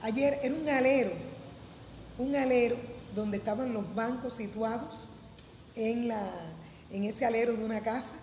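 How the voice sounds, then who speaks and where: Cuban woman in her 70s, interview testimony; measured, hesitant, roomy echo and background hiss. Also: a little high, fairly even intonation, darkish tone. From Cuba. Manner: measured recollection with frequent hesitant "eh" fillers. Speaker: interviewee, former volunteer teacher.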